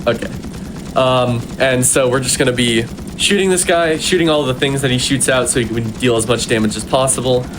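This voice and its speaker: A man's voice: medium pitch, brisk. A man giving casual commentary on a video game speedrun. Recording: clear game noise behind voice.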